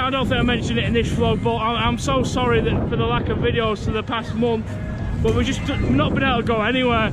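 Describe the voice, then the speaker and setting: A man's voice: extremely high pitch, very noisy. A man of about forty, chatting in a rambling, casual walk-and-talk vlog outdoors. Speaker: theme park vlogger. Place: outdoors in a windy amusement park. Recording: outdoor amusement park with loud music.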